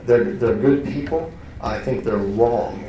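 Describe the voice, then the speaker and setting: A man's voice: mid-range voice, slow pace, dark tone, slight background noise. A man teaching a class in a conversational, self-interrupting way, often restarting his sentences. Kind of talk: lecture to a class. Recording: roomy hall, voice from far off.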